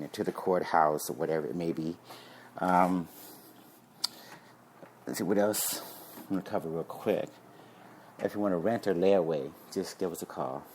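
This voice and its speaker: A man's voice: sits low, darkish tone, a little hiss or hum. A man who owns a security business talks casually and rambles with little chuckles. He is a bit out of breath from wiping down his car outdoors. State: slightly out of breath while cleaning. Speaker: surveillance company owner. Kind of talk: casual promotional talk.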